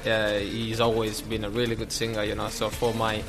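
A man's voice: fairly low pitch, completely flat delivery, normal speed. A young adult man, a footballer, chatting casually and hesitantly in an interview, padding his sentences with fillers. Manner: hesitant, filler-heavy with "you know". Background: music.

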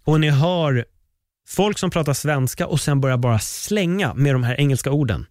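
A man hosting a solo podcast, talking in an opinionated, animated way with exclamations and laughs. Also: a little high, no room sound, studio quality. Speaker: podcast host.

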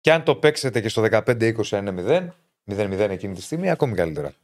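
A man co-hosting a casual sports betting chat, animated and teasing, often talking over the others. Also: lowish voice. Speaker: podcast co-host.

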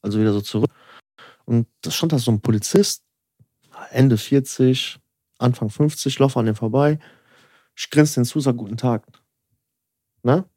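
A man's voice: mid-range voice, moderate pace, long pauses, mellow, dry recording, clean studio sound. A young man rambling through a story in casual podcast chat, packed with filler words, acting out both sides of the dialogue. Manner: rambling, lots of filler tags like "so" and "ne"; acts out dialogue in quotes. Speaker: podcast co-host.

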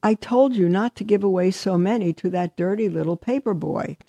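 A high, smug fir tree sneers and mocks, as a woman puts it on in a storybook reading. The voice is gravelly and husky underneath, pitched up, and recorded close and dry. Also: brisk, mellow, no room sound, close to an everyday voice. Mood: smug mocking. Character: haughty smug fir tree, female-sounding, sharp-tongued.

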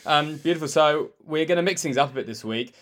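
A man's voice: fairly high pitch, fairly quick, fairly bright tone. A man, co-hosting a podcast in casual chat, telling stories and laughing often. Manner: laughs often, storytelling, playful. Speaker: podcast co-host.

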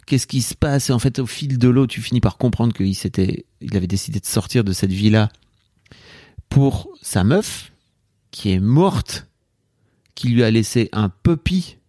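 Casting: man, medium pitch, keen and slangy conversationalist, casual film chat, dry close sound. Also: animated, measured pace, dark tone, no room sound. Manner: slangy, enthusiastic. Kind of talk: casual chat about films.

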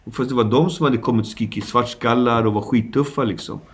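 A man in his forties from the Stockholm suburbs, recounting his past in a candid interview with slangy, vivid retelling and sound effects. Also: medium pitch. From Stockholm suburbs, Sweden. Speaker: guest.

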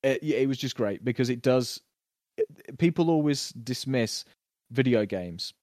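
A man's voice: medium pitch, no room sound, clean studio sound. Chatty man reviewing a TV show. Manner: animated, puts on quick voices when retelling scenes. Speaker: podcast co-host. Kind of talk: casual TV review chat.

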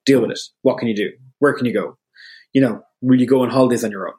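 An Irish man chatting candidly as a podcast guest, open and quick with asides. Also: mid-range voice, dark tone, slightly rough. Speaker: guest, radio presenter. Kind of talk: casual podcast chat.

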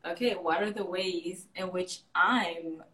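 A woman's voice: fairly low pitch, slow, a bit bright, low-quality recording. A woman podcast host from Haiti, raised in the American South, talking in an enthusiastic and affirming way in a casual conversation. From born in Haiti, raised in the US South. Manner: enthusiastic and affirming, laughs often.

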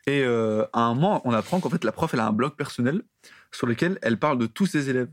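A man's voice: medium pitch, animated, fast. A young man co-hosting a podcast, telling stories casually with lots of fillers. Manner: rambling with many fillers. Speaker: podcast co-host. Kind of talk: casual chat, storytelling.

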